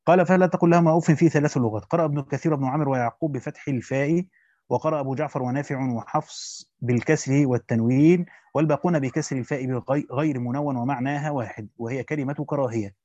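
A man's voice: mid-range voice, fast, dark tone, no echo, lo-fi sound. A man teaching Quran commentary, reading the text aloud and then explaining it in colloquial asides.

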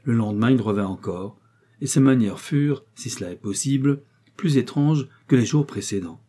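A man reading a classic novel aloud as an audiobook narrator, measured and expressive. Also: mid-range voice, slightly rough. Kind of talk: scripted narration.

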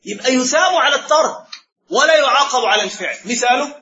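A man's voice: very high-pitched, animated, quick pace, bright, forceful tone, a little hiss or hum. A man teaching a religious lesson as a sheikh, often checking with his listeners through rhetorical questions. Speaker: sheikh teaching Islamic law. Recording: roomy, dull lo-fi sound.

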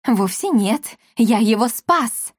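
A hoarse, wheedling storybook crook, a cowardly grown man caught out and whining his excuses, as a woman reads him. He talks a little higher and slower than a plain reading voice. The sound is close and dry. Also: expressive, no room sound, heavily acted. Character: scheming cowardly male swindler, whiny.

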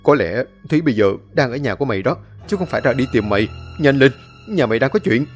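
A man's voice: mid-range voice, sing-song, fast, darkish tone, faint music behind, close to an everyday voice. A man voicing a bitter, hot-tempered young male sect disciple who speaks in a harsh, accusing, raised voice. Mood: panicked.

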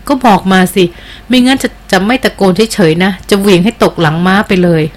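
A daring young heroine who teases and insists, pushing hard for the truth, as a woman reads her part. The voice sits at an ordinary middle pitch, plainly read from a storybook. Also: animated, brisk, natural voice. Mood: insistent. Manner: teasing and insistent. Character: bold, playful young woman demanding answers. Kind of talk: audiobook character reading.

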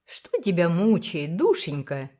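A woman voicing a brisk, kindly older village woman who speaks firmly and emphatically. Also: fairly low pitch, huge pitch swings, warm tone. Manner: firm, emphatic, motherly.

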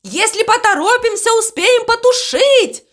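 A woman voicing a fussy, excitable male raven in a storybook reading, shrieking in alarm. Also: mid-range voice, unhurried, husky, heavily acted. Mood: panicked. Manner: shrieking in alarm, then meek and muttering.

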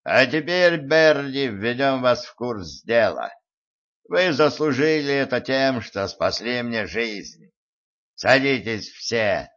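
A man reading an audiobook and voicing a scornful, cool-headed rich man who speaks slowly and mockingly. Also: mid-range voice, animated, fairly bright tone. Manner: mocking, unhurried, emphatic. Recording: muffled lo-fi recording.

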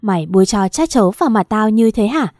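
A woman's voice: medium pitch, expressive, fairly quick, darkish tone, no room sound, clean studio sound, lightly acted. A woman voicing a gray-haired older father who speaks sternly and reproachfully in an audio story. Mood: angry.

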